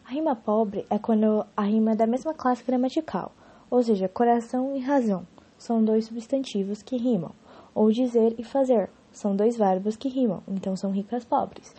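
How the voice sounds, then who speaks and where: A woman casually explaining poetry in a spoken lesson, correcting herself and slowing down to stress example words. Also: on the high side, warm tone, breathy edge.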